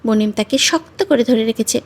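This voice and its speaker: Woman storyteller, high voice, expressive measured reading, scripted narration. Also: breathy edge.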